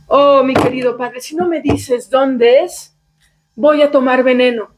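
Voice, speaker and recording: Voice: sits high, fairly even intonation, unhurried, pitched above the performer's own voice. A storyteller voicing a young woman who pleads dramatically with her father in a devotional class story. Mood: pleading. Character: young woman, a pleading daughter threatening self-harm.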